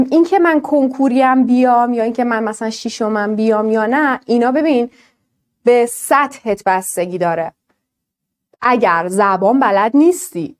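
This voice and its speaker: Her voice on the high side, a woman leads an online English lesson on pronunciation, keeping it lively and putting questions to her students.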